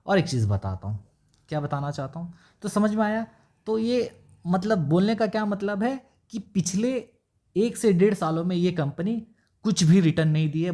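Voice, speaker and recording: A man talks through a company's stock figures in a relaxed, conversational way. He reads numbers slowly off a screen, with filler pauses. He keeps checking that the listener is following. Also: sits high. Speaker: stock market YouTuber. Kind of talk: casual explanatory stock analysis with screen share.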